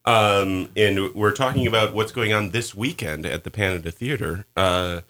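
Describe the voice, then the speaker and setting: An American man co-hosting casual radio chat in a tentative, halting manner. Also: on the low side, fairly bright tone. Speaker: radio co-host.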